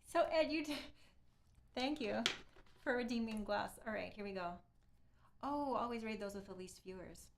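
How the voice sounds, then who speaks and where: A woman's voice: fairly high pitch, normal speed, long pauses, a little hiss or hum. A middle-aged woman chatting casually with viewers while wrapping up a live stream, rambling a little and thanking people as she goes.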